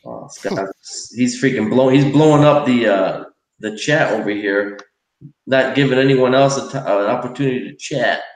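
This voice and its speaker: A man's voice: medium pitch, moderate pace. A man hosting a casual livestream while he draws, rambling with many fillers and restarts. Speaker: livestream host. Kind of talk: casual chat while drawing. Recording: roomy, distant from mic.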